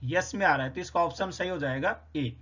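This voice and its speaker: A man explains a phonetics quiz, working through each answer step by step. His voice sits fairly high, and he says each sound over slowly. The recording is slightly dull and lo-fi. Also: bright, forceful tone. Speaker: English teacher.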